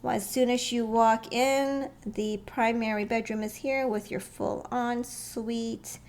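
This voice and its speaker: A woman with a fairly high voice talks through floor plans in a loose, conversational way. She thinks aloud with frequent pauses and small chuckles. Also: steady tone, a little mellow. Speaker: real estate vlogger. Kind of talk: casual walkthrough commentary.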